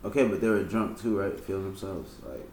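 A man's voice: low-pitched, a little fast, a little mellow. A young man in laid-back casual chat as a podcast co-host, slangy and saying bro a lot. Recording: roomy echo, faint background noise.

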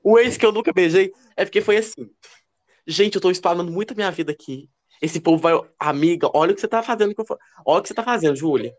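A man co-hosting a podcast, telling gossipy stories in a casual, animated way. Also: fast talker. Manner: expressive, lively pitch. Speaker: podcast co-host. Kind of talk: casual chat.

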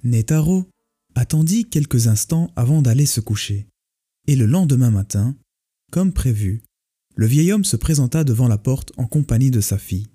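A male storyteller reads a folk tale in a calm, measured voice. His tone is very dark and mellow, with a husky edge, and soft music plays behind him. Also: mid-range voice. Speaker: narrator. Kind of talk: storybook narration. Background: faint music.

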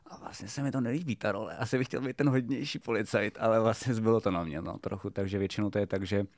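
A man co-hosting a podcast about fatherhood, chatty and quick to laugh, talking casually. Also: lowish voice, a little mellow, dry recording. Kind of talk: casual chat.

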